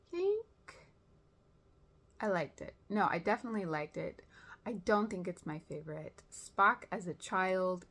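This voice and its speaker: Hosting a show, a woman with a lowish voice gives casual reaction commentary. She's expressive and playfully dramatic, often poking fun at herself.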